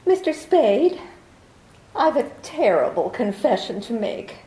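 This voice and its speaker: A woman's voice: on the high side, big pitch swings, slow pace, mellow. A woman playing a scheming young woman who pleads melodramatically for protection, in 1940s radio drama style, in a roomy recording. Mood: pleading.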